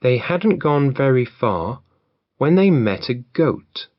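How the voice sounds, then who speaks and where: Guy reading a fairy tale for learners, really slow, dull lo-fi. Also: mid-range voice, very animated, no room sound. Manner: clear, deliberate. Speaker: reader.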